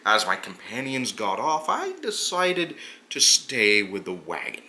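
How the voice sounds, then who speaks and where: A man voicing a pompous, gravelly hobgoblin who sees himself as a hero and formally recounts his tabletop fantasy adventure, drawing out his words. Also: fairly low pitch, very animated, pushed and bright, exaggerated voice. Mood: self-important, puzzled. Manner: pompous, deliberate, formal storytelling with drawn-out words. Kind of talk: in-character tabletop adventure narration.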